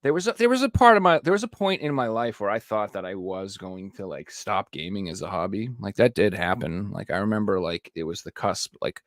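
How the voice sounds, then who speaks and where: A man's voice: lowish voice, brisk, few pauses, no echo, studio quality. A man hosting a casual chat, talking in an informal, slangy way.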